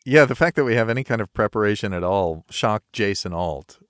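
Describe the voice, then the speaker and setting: A man with a buttery smooth voice hosting a podcast with casual, jokey banter. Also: on the low side, lively intonation, fairly quick, a bit bright, dry recording, studio quality. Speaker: podcast host.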